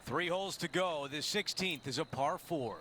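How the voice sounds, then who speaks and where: A man's voice: on the high side, normal speed, bright, forceful tone, a little hiss or hum. A man playing a golf commentator, giving scores and shot calls in a video game broadcast style. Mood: animated. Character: animated male golf announcer following the leaderboard. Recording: music and crowd behind the voice.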